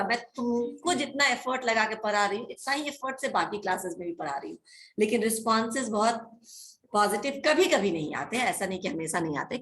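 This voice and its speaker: Teacher lady lecturing online class, kinda high voice, keeps asking if u got it. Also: a bit bright, slight background noise. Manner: explains firmly, keeps checking in with the class. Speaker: college teacher.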